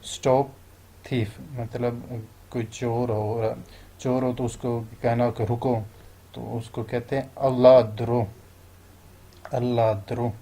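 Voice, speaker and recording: A male language teacher with a Pakistani Urdu accent works through phrases step by step, slowing down to stress each foreign one. His voice is mellow and medium-pitched, with little movement in pitch.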